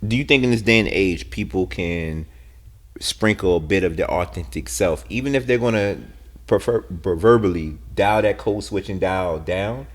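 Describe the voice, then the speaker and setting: A man with a deep, low voice co-hosts a casual podcast talk. He asks probing questions and speaks to listeners earnestly and directly. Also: normal speed. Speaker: podcast co-host. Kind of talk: casual discussion.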